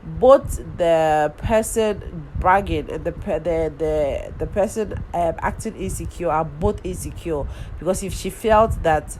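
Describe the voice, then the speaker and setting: A vlogger recaps a reality show in a loose, chatty ramble, full of ums and restarted sentences. She has a notably low, slightly mellow voice made nasal by a head cold, talks a little slowly with few pauses, and the poor audio carries a faint noise under her voice.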